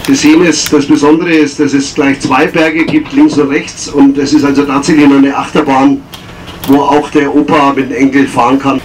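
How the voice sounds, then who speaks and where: A man's voice: mid-range voice, little pitch movement, normal speed, a little hiss or hum, poor audio. A man giving an informal explanation during a press tour.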